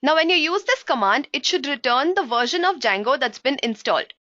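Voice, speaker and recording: A woman's voice: high voice, animated, fairly quick, bright, forceful tone, no room sound, lo-fi sound. A woman instructor giving a live coding tutorial, explaining each step and often calling her listeners guys, heard through livestream headset audio. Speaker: programming instructor.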